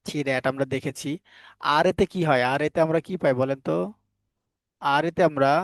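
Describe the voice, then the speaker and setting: A man's voice: a little high, no echo. A man teaching a phonics class, spelling words out sound by sound and putting questions to the learners before answering them himself. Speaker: English teacher. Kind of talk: phonics lesson for Bengali learners.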